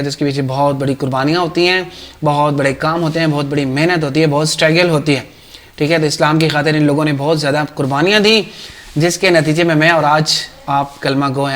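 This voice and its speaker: A man with a Pakistani accent teaching an English textbook lesson, reading the text slowly and then explaining it quickly in Urdu while asking his class questions. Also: fairly high pitch, a bit bright.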